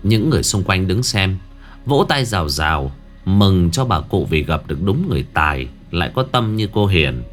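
A man with a low voice tells a ghost story, his pitch rising and falling with lively expression. Faint music runs quietly behind the narration. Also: moderate pace.

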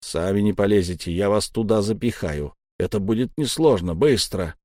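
A man voicing a gruff cursing warrior. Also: lowish voice, expressive, normal speed, a little mellow, no room sound, clean studio sound, natural voice. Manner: barking, rude commands. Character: gruff coarse male warrior, blunt and mocking.

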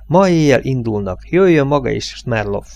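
A man voicing a gruff, commanding old oil company boss in an audiobook. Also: medium pitch, animated, a little mellow. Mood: brusque. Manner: curt, commanding.

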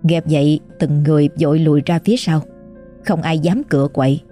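A woman narrating a scripted ghost story with a measured, suspenseful delivery. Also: sits low, fairly even intonation, dark tone, faint music behind.

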